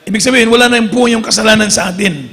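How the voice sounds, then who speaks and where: A woman's voice: a little high, rapid-fire, fairly bright tone. A middle-aged woman preaching a fervent sermon in a church, calling again and again for amens and applause and mixing English scripture lines into her words. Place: church hall. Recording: long echo of a church hall.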